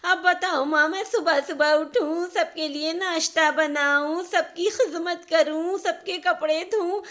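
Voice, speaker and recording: A woman voicing a quarrelsome young married sister-in-law who scolds loudly in a shrill voice. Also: fairly even intonation, unhurried. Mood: complaining.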